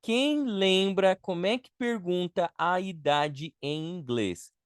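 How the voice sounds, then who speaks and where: A man's voice: high-pitched, slow pace, clean tone, dry recording, clean studio sound. A man with a Brazilian Portuguese accent teaching a live online beginner class, patiently repeating words to model their pronunciation. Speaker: English teacher.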